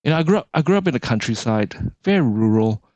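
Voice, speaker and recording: A man's voice: medium pitch, lively intonation, fast, a little mellow, no echo. A man, a guest speaking in an earnest, reflective way with frequent restarts. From Malaysia. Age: 40s. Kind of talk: casual interview talk.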